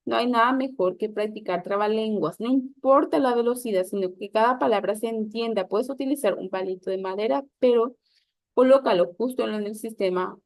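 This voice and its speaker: A woman's voice: fairly high pitch, a little fast, dry recording. Woman teacher, instructive lesson read aloud with small slips, dry close recording. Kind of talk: reading a public speaking lesson.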